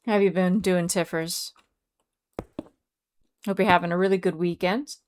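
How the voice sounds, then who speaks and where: A woman's voice: lowish voice, fairly even intonation, fast talker, a little hiss or hum. A woman streamer chatting casually with her viewers, reading out and answering chat messages. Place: home.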